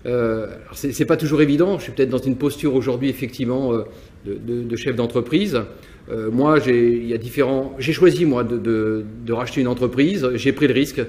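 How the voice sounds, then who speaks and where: A man who runs a company in Nantes, France, reflects personally while answering interview questions, stumbling through restarts and repeated words. His mid-range voice is a little mellow and fairly quick.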